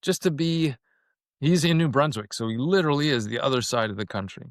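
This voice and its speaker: A man's voice: mid-range voice, animated, fairly quick, dry recording, clean studio sound. A man in his fifties from Canada, talking reflectively as a podcast guest and often repeating a word as he starts a thought. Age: 50s. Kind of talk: casual conversation.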